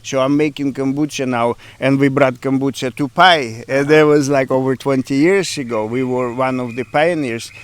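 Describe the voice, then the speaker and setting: A man's voice: medium pitch, steady tone, moderate pace, few pauses, smooth. A middle-aged man with a Ukrainian accent, answering interview questions in a casual, hesitant way with many fillers and broken grammar. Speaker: interviewee, café owner.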